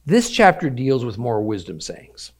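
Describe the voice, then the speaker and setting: A man teaching a weekly Bible lesson, reading scripture aloud and slowing down to stress key phrases. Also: medium pitch, wildly swooping pitch, slightly rough.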